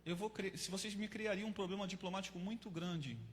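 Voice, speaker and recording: A man voicing a male school principal who explains firmly and gravely that he cannot help. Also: high-pitched, steady tone, brisk, big-room sound, a little hiss or hum, lightly acted. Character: stern male school principal, apologetic but firm.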